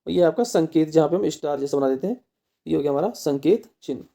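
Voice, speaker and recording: A man's voice: on the high side, lively intonation, fast, creaky, dark tone. A man teaching an exam-prep Hindi grammar lesson who keeps asking his students questions and then answering them himself. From India.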